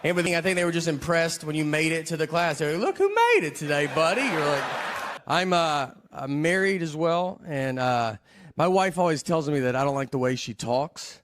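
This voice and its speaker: Deadpan man doing stand-up. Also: on the high side, noisy background. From American South. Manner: deadpan, slow, bemused storytelling. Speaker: stand-up comedian. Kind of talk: stand-up comedy routine. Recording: live theater with audience laughter.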